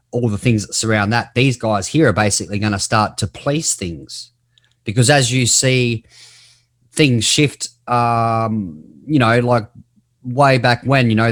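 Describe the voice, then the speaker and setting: A man hosting a casual discussion in a blunt, colloquial, opinionated way. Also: fairly low pitch. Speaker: host.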